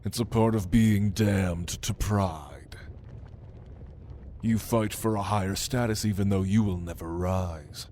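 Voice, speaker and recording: A man with a low-pitched, mellow voice plays a proud, commanding demon lord in an ASMR roleplay, addressing the listener in a theatrical, menacing way. He speaks slowly and imperiously, in a grim, instructive mood. A little hiss or hum sits under the recording.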